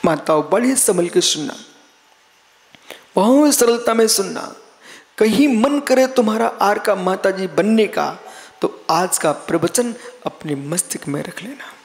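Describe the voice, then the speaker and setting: A man's voice: sits high, lively intonation, unhurried, slight background noise. A man, a Jain monk from India, giving a live sermon in a rhythmic, repeating way and calling on listeners by name. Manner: rhythmic chanting, repetition, addresses listeners by name. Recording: long hall reverb.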